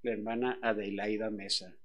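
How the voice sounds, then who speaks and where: A middle-aged man, a pastor preaching a sermon and telling a personal story with big swings from hushed to loud. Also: on the low side, little pitch movement, moderate pace.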